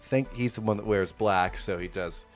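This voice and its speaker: A man's voice: on the low side, normal speed, faint music behind. A man running a tabletop game as game master, narrating scenes and laughing easily with the players. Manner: laughs often, easygoing.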